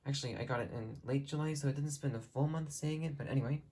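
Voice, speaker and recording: A fast-talking hobbyist with a mellow, slightly rough mid-range voice shows off their things in an unplanned video. Filming indoors at home from behind a handheld camera, they drift between points and correct themselves.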